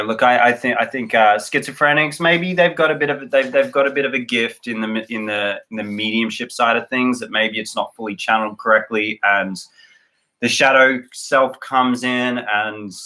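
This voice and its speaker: Australian male livestream host, bright tone, easygoing and rambling, chats with viewers and reads their comments. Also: lowish voice. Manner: loose and rambling, with many fillers and restarts. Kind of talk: live-stream chat reading viewer comments.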